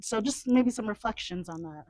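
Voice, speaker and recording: A woman from New York City hosts the interview and encourages her guest with quick affirmations. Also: mid-range voice, expressive, darkish tone, rough recording. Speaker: interview host. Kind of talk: conversational interview.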